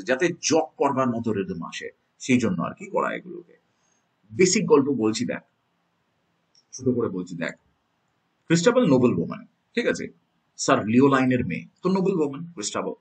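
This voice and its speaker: A man in his thirties with a Bengali accent, lecturing on English poetry for exam prep, animated and asking the class rhetorical questions. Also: slightly rough. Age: 30s. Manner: animated, swings pitch for emphasis, asks the class rhetorical tag questions. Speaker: college English literature lecturer.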